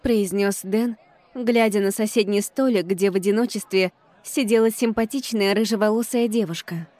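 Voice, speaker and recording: A woman's voice: mid-range voice, moderate pace, mellow, no room sound. A woman reading a first-person audiobook with an ironic, exasperated tone. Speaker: audiobook reader.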